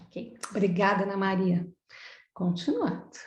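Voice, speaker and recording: Over a video call, a middle-aged psychoanalyst lecturer from Brazil addresses professionals in a medium-pitched, darkish voice with a Brazilian Portuguese accent. She's animated but a little slow, in a roomy space, working through ideas step by step and answering questions she raises herself.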